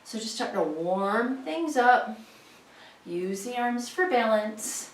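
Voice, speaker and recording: Upbeat woman trainer with an animated, chatty delivery, recorded at a distance in a room at home. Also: a little high, takes it slowly. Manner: chatty and playful, cueing moves in a sing-song voice. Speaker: fitness instructor. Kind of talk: home workout instruction. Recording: echoey room, voice from far off.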